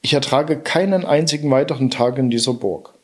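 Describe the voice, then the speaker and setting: A man's voice: medium pitch, a little fast, lightly acted. A man reading as a pleading magic harp. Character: enchanted magic harp, desperate captive. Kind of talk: storybook reading.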